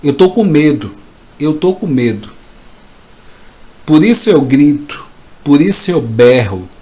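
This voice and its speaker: A man's voice: on the high side, very animated, slow pace, warm tone. A man voicing a frightened father who repeatedly confesses that he is afraid. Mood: fearful. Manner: repetitive, pleading confession.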